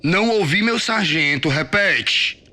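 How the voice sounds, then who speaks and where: A cruel army sergeant barks and sneers in a high, strained shout with a Brazilian accent, as a male narrator puts him on. The voice is loud, bright and hard-edged, swinging up in anger. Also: animated, measured pace, full character voice. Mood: shouting, mocking. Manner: barking, shouting insults. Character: brutal mocking army sergeant, male, middle-aged.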